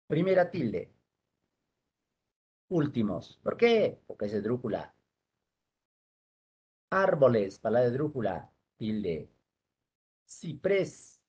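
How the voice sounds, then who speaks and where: A man's voice: medium pitch, darkish tone, breathy edge. A male teacher giving an online lesson on rules, patiently spelling words out syllable by syllable.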